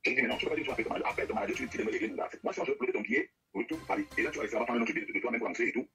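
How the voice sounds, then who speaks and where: A man's voice: mid-range voice, very fast, sharp tone, a little hiss or hum, low-quality recording. A man giving a heated personal account in an interview, insistent, often repeating and stumbling over his words. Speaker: guest telling of a money dispute with an artist.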